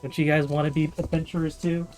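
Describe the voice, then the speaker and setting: An upbeat male streamer talking casually to his viewers in a fairly high, light voice. He chats quickly and cheerfully and thanks people by name, with soft music playing faintly under him. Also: level tone. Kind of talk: casual live-stream chat.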